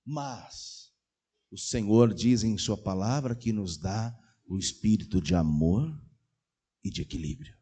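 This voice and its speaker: A man preaching a sermon as pastor, telling stories and acting out dialogue, swinging from quiet asides to loud exclaimed peaks. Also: fairly low pitch, breathy edge. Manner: acts out dialogue in quoted voices. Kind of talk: sermon with storytelling.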